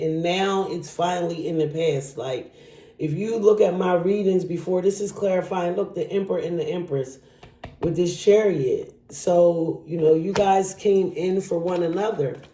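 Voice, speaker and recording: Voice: medium pitch, mellow, a little hiss or hum. A tarot reader casually talking through a card spread, speaking straight to the viewer in a chatty way. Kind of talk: casual tarot reading to camera. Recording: echoey room.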